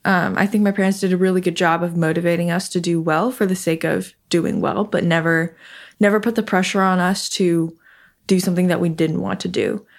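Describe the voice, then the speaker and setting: This young adult from the Seattle area, US, is an interview guest in a casual conversation. She speaks fairly quickly in a fairly low voice with fairly even intonation, reflective in manner, with lots of ums and soft laughs.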